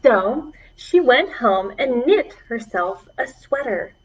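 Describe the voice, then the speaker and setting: High-voiced, unhurried woman at storytime. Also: lively intonation, highs cut off. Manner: encouraging, addressing small children. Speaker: children's librarian. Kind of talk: preschool storytime, reading aloud with asides.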